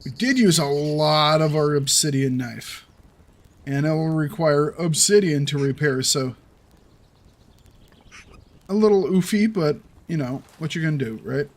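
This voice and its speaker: A man's voice: on the high side, measured pace, pauses often. A young adult man giving playful let's play commentary, taunting the animals in his game. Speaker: gaming video host.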